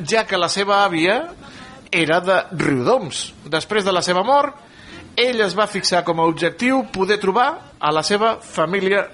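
A man hosts an afternoon radio magazine, introducing his guest and then questioning him briskly. His voice is high for a man. He speaks in a friendly, conversational way. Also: bright, forceful tone. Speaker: radio host.

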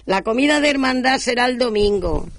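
A woman hosting a local radio show, announcing events and chatting with callers in an affectionate, halting way. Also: a little high, animated. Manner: warm, affectionate, halting with restarts. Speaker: radio host.

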